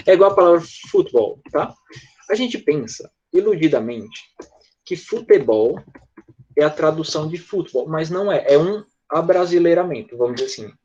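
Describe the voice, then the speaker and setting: Man, Brazilian Portuguese accent, English teacher, online class, slightly high voice, muffled lo-fi call sound. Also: darkish tone. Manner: chatty, joking, slows right down to model English phrases.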